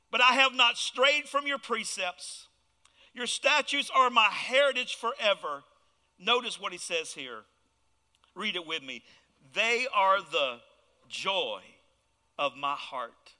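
A man's voice: high-pitched, bright, forceful tone, clean tone, big-room sound. A man preaching a fervent sermon as pastor, throwing out call-and-response asides to his congregation. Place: church.

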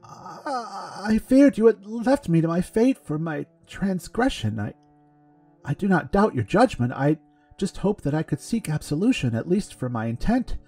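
An earnest young cleric stammers out his pleas, voice raised high and strained, as a man plays him. The tone is husky and breathy. Soft music runs beneath. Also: sing-song, unhurried, exaggerated voice. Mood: pleading, tearful. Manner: stammering, pleading, raised pitch. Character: young male cleric, earnest, tearful, devout.

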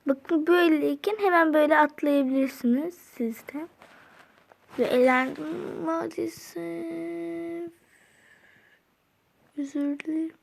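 High-voiced woman doing game commentary. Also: slow, creaky, pauses often. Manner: frustrated, muttering to herself to calm down. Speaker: gameplay video creator. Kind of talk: casual gameplay commentary.

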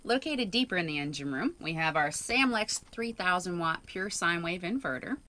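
Woman, thirties, somewhat low voice, clear explainer tone, boat engine room, close camera mic. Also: a bit bright. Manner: clear, informative tour-guide delivery. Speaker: sailing vlogger. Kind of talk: explaining a boat's power setup on camera. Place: cramped engine room and cabin of a sailboat.

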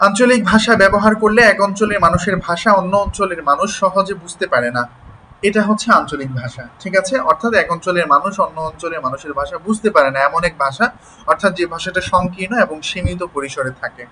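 A man's voice: high voice, sharp tone, a little hiss or hum, low-quality recording. A man teaching an online class. He explains patiently, spells words out sound by sound, and keeps checking that his students follow. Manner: explains slowly, checks in with "ঠিক আছে?".

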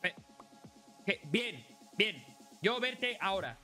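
A man playing a halting robot stranger. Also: high voice, very animated, bright, forceful tone, faint music behind, full character voice. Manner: halting broken speech. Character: male robot claiming to be a transforming machine.

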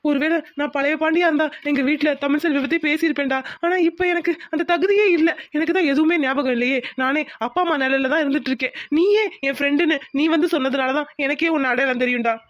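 A woman's voice: sits high, fast talker, few pauses, no room sound, highs cut off, natural voice. A woman voicing a confused, lovesick young village man who has lost his memory, in a cartoon. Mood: plaintive. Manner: confused, plaintive questioning.

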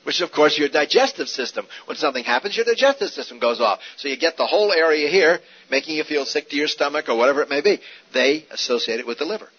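This Bible teacher talks fast, his male voice fairly high and slightly rough. Preaching on Scripture with animation, he leans on rhetorical questions and repeats key points, all captured on a dull, dated recording.

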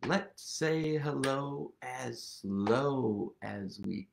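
This storytime reader is a man in his thirties on a living room sofa, performing a picture book for young children via webcam. His creaky mid-range voice has lively intonation and drawn-out words, playful and sing-song, dipping into whispers.

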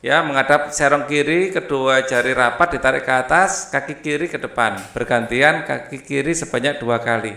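A man's voice: medium pitch, normal speed, vocal fry, few pauses, pushed and bright. A man teaching a primary school lesson, reading the textbook aloud with chatty asides. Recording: echoey room.

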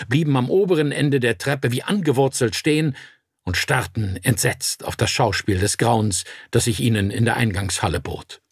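A man narrating a dark fairy-tale audiobook in a measured, dramatic way. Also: medium pitch, breathy edge, no room sound, clean studio sound.

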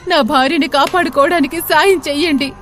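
A woman's voice: sits high, brisk, fairly bright tone, soft background music, pitched above the performer's own voice. A woman voicing a desperate husband begging to save his possessed wife. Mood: pleading. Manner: pleading.

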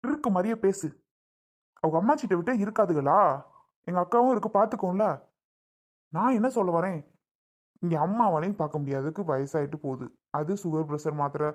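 A woman's voice: lowish voice, darkish tone, natural voice. A woman playing an earnest, lecturing young husband. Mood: persuading. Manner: reasoning, lecturing, repeating her name. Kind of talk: family comedy skit acting.

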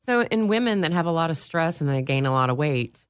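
Interview host, mid-pitched voice, curious questions, quick acknowledgments, dry close recording. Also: expressive, smooth, no echo.

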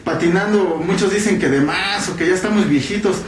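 A man in his thirties with a Mexican accent, talking in a slangy, animated way during an interview. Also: high voice, a little fast. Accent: Mexican Spanish. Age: 30s. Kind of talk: casual interview answer. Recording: echoey room with noise. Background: noise.

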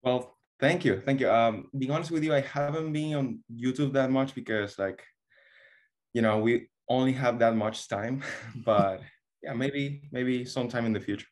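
A young Venezuelan man with a mid-range voice talks at a normal speed as a guest on a casual video-call interview, where he's introduced as an online fitness coach. He comes across as earnest but hesitant, restarting often and using lots of fillers. He's in a small room at home, picked up by a webcam or laptop mic.

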